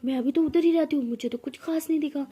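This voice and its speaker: A woman's voice: high-pitched, fast, warm tone, close to an everyday voice. A woman voicing a bossy older sister who scolds her younger sibling. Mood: scolding. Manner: scolding, domineering.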